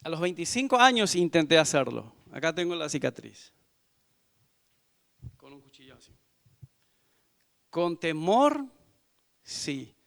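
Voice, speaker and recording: A man in his forties, a visiting missionary, giving an earnest sermon testimony in church, moving from hushed to loud. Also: on the high side, very animated, measured pace, gravelly, long pauses. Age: 40s.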